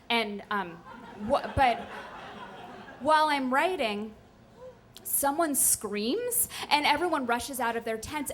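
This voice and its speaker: A woman's voice: a little high, fairly bright tone, a little hiss or hum. Chatty young woman telling a comic story. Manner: chatty, self-deprecating, full of "like" and "um". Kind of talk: live comic personal storytelling. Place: stage at a live storytelling night.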